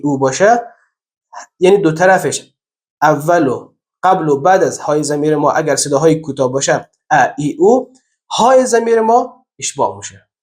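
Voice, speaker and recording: Guy giving a quran reading lesson, bit high voice, draws out example words slow. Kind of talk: recorded lesson, explaining step by step.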